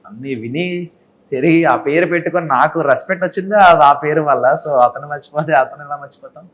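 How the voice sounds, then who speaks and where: A serving soldier from India sits for a casual interview, a man who talks earnestly and drops English phrases into his sentences. His voice sits a little high for a man, and he rattles his words off at a very fast clip. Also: fairly bright tone, highs cut off.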